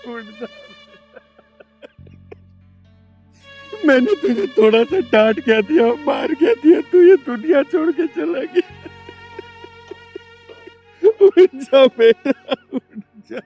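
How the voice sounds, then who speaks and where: A caring but hot-tempered kinner elder sister, played by a man in a tearful short-film melodrama. The voice sits quite high, with faint background music beneath it. She lectures softly and patiently, then turns sharp and scolding. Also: moderate pace, highs cut off. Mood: wailing grief. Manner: gentle and preachy when advising, wailing in grief, harsh when scolding. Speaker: Chingari didi, lead of a short film. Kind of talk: emotional short-film drama.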